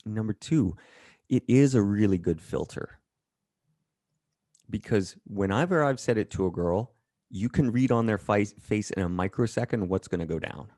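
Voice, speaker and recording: Blunt low-voiced man telling stories. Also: moderate pace, no room sound, clean studio sound. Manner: blunt, profane, animated storyteller. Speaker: interview guest. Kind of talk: casual storytelling interview.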